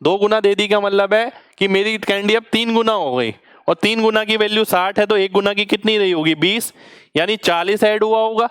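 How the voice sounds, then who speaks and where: A man's voice: high-pitched, fairly even intonation, normal speed, fairly bright tone, smooth, no room sound, studio quality. A man teaching a maths exam-prep class, explaining each step patiently in with terms and often asking students whether they understood. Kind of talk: online exam-prep lecture.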